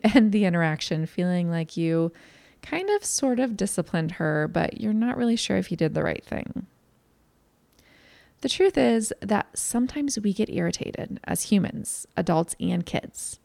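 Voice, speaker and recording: A woman's voice: medium pitch, vocal fry, warm tone, no echo. A mother talking earnestly and candidly to parents, in a conversational way, as a parenting educator. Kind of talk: talk to parents.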